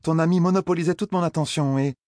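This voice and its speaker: A man's voice: on the high side, fast, darkish tone, no room sound, close to an everyday voice. A powerful older sorceress ruler speaks with cool, mocking condescension, as a man voices her. The sound is close and dry, in the style of a dramatized audiobook. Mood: stern. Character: stern, powerful older woman leader of a sorcerous order.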